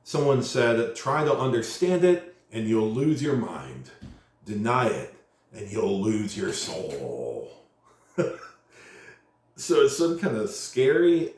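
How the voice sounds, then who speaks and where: A male pastor speaking earnestly in a teaching way, slowing down to stress long lists. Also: medium pitch. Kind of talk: church announcement talk, sermon-like. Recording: very echoey room.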